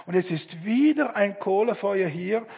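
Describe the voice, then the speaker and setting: A middle-aged man preaching a sermon, earnest, with dramatic pauses as he acts out quoted dialogue. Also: sits high, lively intonation, gravelly, a little mellow, husky. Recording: long hall reverb.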